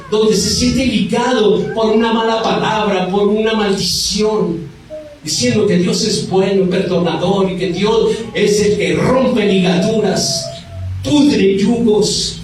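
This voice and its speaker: A man preaching a sermon with animated, rising and falling emphasis in a church. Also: high voice, a little hiss or hum. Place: church hall. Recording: very echoey hall, mic far off.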